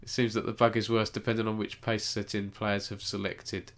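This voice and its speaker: Nasal from a cold, this esports news host rambles and self-corrects while chatting with viewers during a casual live-streamed news roundup. He speaks briskly in a lowish voice with flat delivery.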